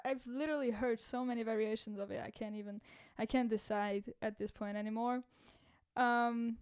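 A woman podcast host and content creator chats casually on her solo podcast, rambling, self-deprecating and laughing at her own jokes. Her somewhat high voice cracks and is a bit rough.

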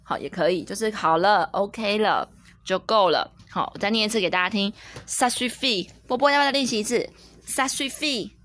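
Mom-teacher type, mid-pitched woman, patient and coaxing, slows down to model each word, casual home lesson. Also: fairly bright tone. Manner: patient, coaxing, repeats words slowly and clearly; switches between Chinese, French and English. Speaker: French teacher and mother. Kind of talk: casual French lesson with her young daughter.

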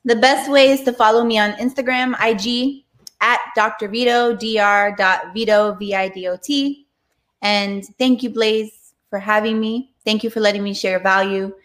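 A woman's voice: mid-range voice, steady tone, normal speed, a bit bright. A woman who is a guest on a podcast, chatting casually and teasing the host in joking banter.

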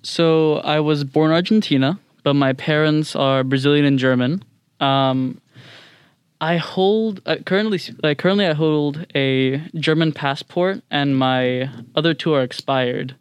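A man's voice: a little high, measured pace, clean tone, dry recording. A young man with a standard American accent, chatting informally as an interview guest and poking a little fun at himself. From several countries across Latin America, Asia, Europe and the US. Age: young adult. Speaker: podcast guest, international student. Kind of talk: casual interview chat.

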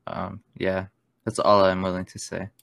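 A man in his twenties from Spain, chatting casually among friends, loose and quick to swear and laugh. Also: sits low, monotone, creaky, fairly bright tone, no room sound. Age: 20s. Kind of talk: casual chat.

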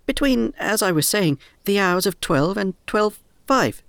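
A small, anxious piglet from a storybook, voiced by a man speaks in a squeaky, high voice that skitters up and down in pitch and stumbles over its words when frightened. The sound is close and dry, with faint music underneath. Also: lively intonation, measured pace, gravelly, a bit bright, clean tone, dry recording, full character voice. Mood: nervous. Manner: squeaky, nervous, stammering. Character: small timid anxious young male piglet. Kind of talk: storybook character voice.

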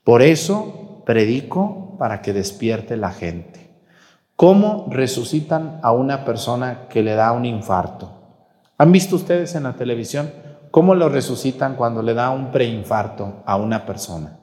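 Blunt Mexican priest scolding in a reverberant room. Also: male voice, mid-range voice, a little slow. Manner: blunt, scolding, animated with rhetorical questions. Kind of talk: sermon during Mass, addressing viewers.

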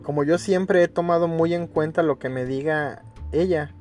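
A man's voice: fairly high pitch, moderate pace, a little mellow. Man, Mexican accent, podcast host, casual storytelling, crude and emphatic, filler-heavy, faint music in background. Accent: Mexican Spanish. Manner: crude, emphatic, with frequent 'este' fillers and stumbles.

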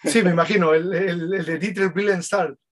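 A man hosts a relaxed conversation and chats freely, dropping in frequent short agreements. His voice sits high and has a breathy, husky edge. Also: moderate pace. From Guatemala. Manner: chatty, affirming with frequent short replies. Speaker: host. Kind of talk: casual conversation.

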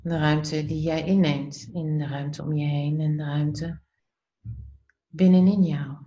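A woman with a low voice and fairly even intonation leads a slow guided meditation, soft, soothing, and unhurried, pausing between short phrases that turn breathy at the ends. The sound is lo-fi.

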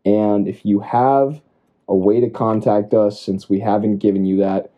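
A man's voice: fairly low pitch, fairly even intonation, unhurried. A man co-hosting a casual podcast chat, making dry, crude jokes. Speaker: podcast co-host. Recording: dull lo-fi sound.

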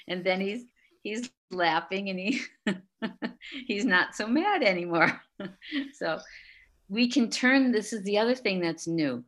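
A middle-aged woman in a casual interview, gently explaining and guiding a calming exercise. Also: medium pitch. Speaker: guest expert.

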